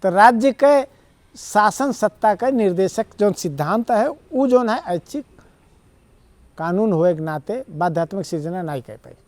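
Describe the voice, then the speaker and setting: A man speaks with an Awadhi accent as an interview guest, his voice pitched fairly high. He argues earnestly and at length. The sound is dry and close. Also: expressive, measured pace, darkish tone, no room sound. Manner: earnest, argumentative, rambling explanations. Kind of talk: conversational interview.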